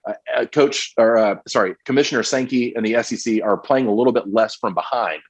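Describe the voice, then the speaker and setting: A man's voice: on the low side, fairly quick, breathy edge. A man co-hosting a college football podcast, talking casually with lots of fillers and restarts. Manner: rambling, many fillers and restarts. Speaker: podcast co-host. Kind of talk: casual sports podcast chat.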